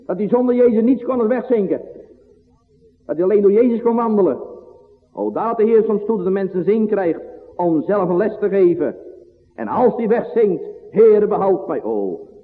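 Man, sermon, old-fashioned rising and falling preaching, long church echo, tinny phone-like sound. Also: sits high. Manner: old-fashioned preaching cadence, swinging from loud to hushed.

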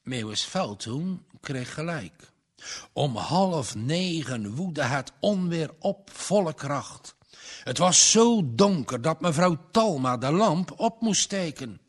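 A man reads a village story aloud in a slow, measured style. His voice sits a little high for a man. The delivery stays calm and even. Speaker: narrator. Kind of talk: audiobook narration.

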